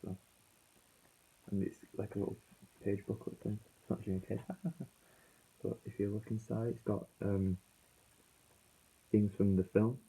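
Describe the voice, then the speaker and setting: A man's voice: lowish voice, level tone, unhurried, vocal fry, pauses often, warm tone, slightly rough, faint music behind. A British man chatting casually and unscripted as an album reviewer, hesitant and rambling, his voice muffled on a failing phone. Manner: rambling, hesitant, self-correcting. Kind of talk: casual, unscripted vlog chat.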